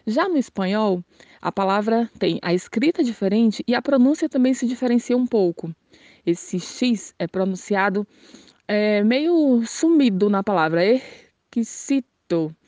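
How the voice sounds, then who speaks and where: Mellow-voiced woman teaching Spanish. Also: mid-range voice, dry recording. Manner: slow, careful model pronunciations; friendly, addresses viewers directly. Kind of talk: casual video lesson.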